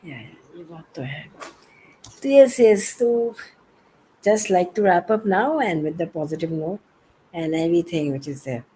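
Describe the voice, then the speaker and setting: Man, livestream host, casual group chat, relaxed, repetitive, warm dark tone, faint hiss. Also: a little high, drawn-out words, poor audio. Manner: relaxed, mixes Hindi and English, repeats himself. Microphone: video call setup.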